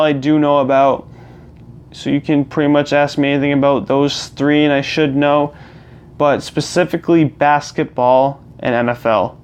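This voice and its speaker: Young male channel host, slightly high voice, smooth and clear, rambling casual rant into his own mic. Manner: rambling, restarts and repeats himself. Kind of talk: casual ranting monologue. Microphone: personal mic.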